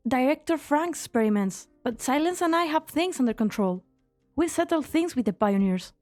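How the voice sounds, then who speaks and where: A woman with a very high voice plays an earnest young female researcher in an English fan dub of a game story. Her dramatic acting is anxious and expressive, sometimes hesitant, with a relieved mood over faint music.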